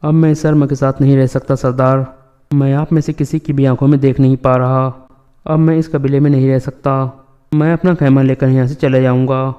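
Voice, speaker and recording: A remorseful, loyal warrior, as a man reads him out, pleading in a mellow, level voice. The smooth tone sits in a dull, lo-fi recording. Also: medium pitch, level tone, natural voice.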